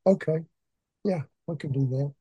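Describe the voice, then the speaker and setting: A man's voice: fairly high pitch, normal speed, dark tone, husky, dry recording. Folksy man with an Arkansas Southern accent. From Arkansas, southern United States. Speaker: preacher leading a prayer meeting. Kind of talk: folksy informal talk to a congregation.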